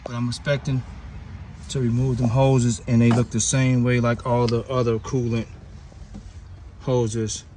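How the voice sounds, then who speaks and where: Speaking outdoors next to the car, a DIY mechanic hosts his casual, hands-on repair vlog, chatting to viewers in a relaxed way. He's sniffly with a cold and a runny nose. His medium-pitched voice moves a little slowly with frequent pauses, over a slight hiss or hum.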